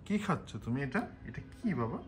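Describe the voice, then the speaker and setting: A man's voice: mid-range voice, very animated, moderate pace, a little hiss or hum. A father, talking playfully with his toddler and coaxing him to share food over and over. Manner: gently coaxing, repetitive pleading.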